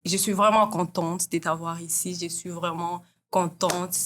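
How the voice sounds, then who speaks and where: A woman's voice: lowish voice, steady tone, measured pace, a bit bright, a little hiss or hum. A woman hosting a casual interview podcast, friendly and encouraging, often repeating her guest's answers back. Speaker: podcast host.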